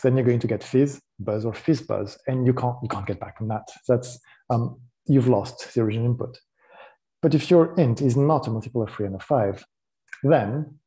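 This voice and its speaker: A man with a French accent giving a technical conference talk. His voice is mellow and dark, and he explains in a relaxed way, often pausing on "um" and restarting his sentences. French is his first language. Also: mid-range voice. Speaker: conference speaker.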